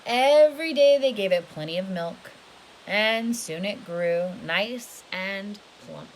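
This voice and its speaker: Reading a picture book to children, this woman uses a mid-range voice with lively intonation and a slow pace. She teaches as she goes and frequently asks questions, and the home recording has poor audio with a faint hiss.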